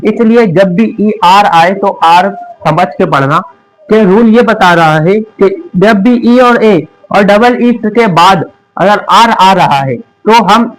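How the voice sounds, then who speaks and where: A man's voice: high voice, takes it slowly, low-quality recording. A young man with a Hindi accent teaching a lesson, repeating each word as a question and then answering it. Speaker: English teacher.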